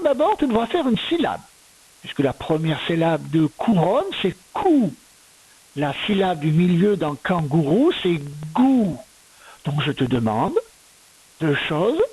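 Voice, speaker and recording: A woman's voice: on the low side, big pitch swings, darkish tone, husky, poor audio. A woman teaching a young child to spell, sounding out words one syllable at a time in a patient, step-by-step way. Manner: slow, patient, syllable-by-syllable dictation. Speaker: primary school teacher. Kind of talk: recorded reading and spelling lesson for a young child.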